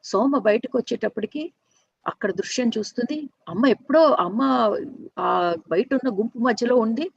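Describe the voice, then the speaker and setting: Earnest woman storyteller, slightly high voice. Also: breathy edge, dry recording, highs cut off. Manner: earnest, halting, frequent restarts and self-corrections. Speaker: storyteller and workshop teacher. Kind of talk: unscripted spoken storytelling.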